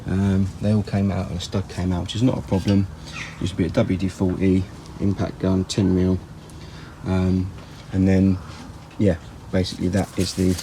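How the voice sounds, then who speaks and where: A car repair vlogger walks through an engine strip-down outdoors in a yard, giving casual workshop commentary that's rambling, plain-spoken, and self-correcting. He has a deep, creaky voice, with background noise present.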